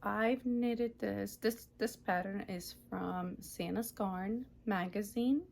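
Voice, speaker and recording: A woman's voice: medium pitch, slow pace, creaky, darkish tone, slight background noise. A woman in her thirties, originally from Ukraine, hosting a casual knitting vlog and chatting through her projects while often correcting herself. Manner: chatty, self-correcting, often unsure of details. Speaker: knitting podcast host. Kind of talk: casual show-and-tell vlog.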